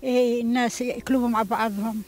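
A woman's voice: a little high, steady tone, fast talker, a little mellow. Wry elderly woman in her seventies. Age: 70s. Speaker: elderly local resident. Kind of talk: reminiscing in an outdoor interview.

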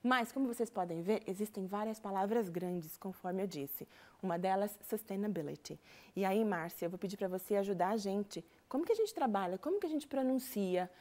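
A woman's voice: medium pitch, lively intonation, a little fast, mellow. A woman with a Brazilian Portuguese accent co-hosting a bilingual English lesson, asking her colleague questions to move it along. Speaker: co-host teacher.

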